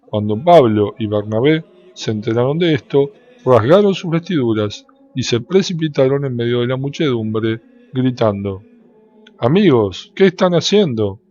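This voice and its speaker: A man giving a measured, solemn scripture reading that lifts into a sung lilt at the ends of phrases. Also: medium pitch, warm tone. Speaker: Bible reader. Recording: dull, lo-fi with faint background noise.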